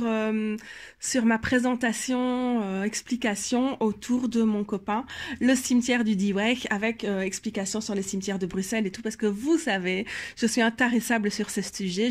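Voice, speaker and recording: A young woman with a Belgian French accent, tired, chatting casually in a rambling show-and-tell about her tarot decks, full of fillers and self-corrections. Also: on the high side. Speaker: tarot vlogger.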